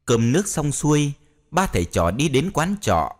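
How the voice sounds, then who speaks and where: A man's voice: very animated, normal speed. A man narrating a ghost story in a dramatic way, with faint music behind. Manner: dramatic, swinging pitch.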